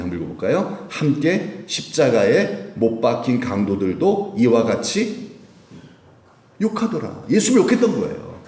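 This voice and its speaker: A man preaching a Friday prayer sermon as pastor, animated with emphatic peaks and slowly quoted scripture. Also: fairly high pitch, echoey room. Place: church sanctuary.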